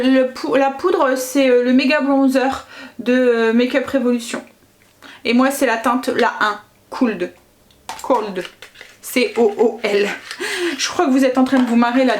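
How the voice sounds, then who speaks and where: Chatty woman's slightly high voice. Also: a little hiss or hum. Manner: chatty, narrates each step with little interjections; self-correcting, trails off and restarts often. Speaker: family vlogger and mother. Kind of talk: casual makeup tutorial chat.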